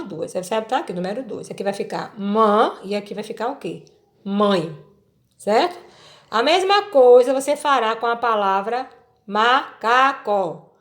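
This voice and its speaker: A woman teacher with a Brazilian Portuguese accent, patiently explaining a children's worksheet and sounding out syllables slowly. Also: fairly high pitch.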